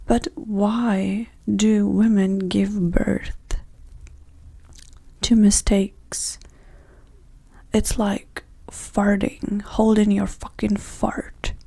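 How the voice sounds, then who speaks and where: A woman voicing a cruel, mocking devil in Hell in an ASMR role-play, with a demonic, taunting soft voice. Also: medium pitch, level tone, no echo. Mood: contemptuous. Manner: demonic soft voice, slow, taunting, foul-mouthed.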